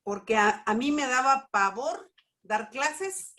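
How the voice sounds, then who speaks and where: A middle-aged woman gives a personal testimony at a church family class, telling her story with lively expression and acting out what people said. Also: high-pitched, takes it slowly. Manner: animated storytelling, acts out dialogue. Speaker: speaker at a church family school.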